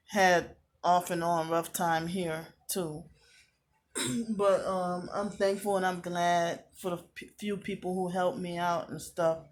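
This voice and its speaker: A woman talking casually to camera from a hotel room, aggrieved and repetitive, often clearing her throat, sounding tired. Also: on the low side. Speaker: vlogger.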